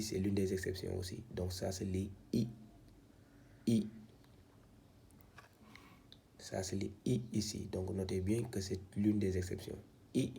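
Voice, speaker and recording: A man with a deep, mellow voice teaches a reading lesson at an unhurried pace. He patiently sounds out each syllable and repeats it, linking his steps with calm explanations. A faint background noise sits under the recording. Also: creaky. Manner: patient, repeats syllables one by one, frequent "donc".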